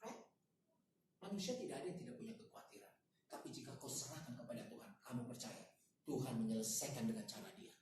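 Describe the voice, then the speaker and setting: A man preaching a sermon at a prayer meeting, animated and full of rhetorical questions and slangy asides. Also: medium pitch, fast talker. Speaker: evangelist preacher. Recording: echoey room, distant mic, faint noise.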